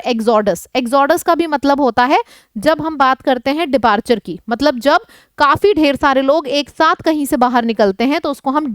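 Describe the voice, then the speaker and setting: Woman teacher going over vocab, high clear voice, dry close mic, keeps asking if it's clear. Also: no echo. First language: Hindi. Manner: explains words in mixed Hindi and English, checks in often. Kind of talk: online vocabulary lesson.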